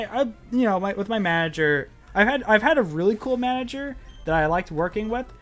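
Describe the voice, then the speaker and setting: A man streaming a game and telling a story in a loose, rambling way, full of fillers and swearing. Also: on the high side. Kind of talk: casual storytelling while playing a game.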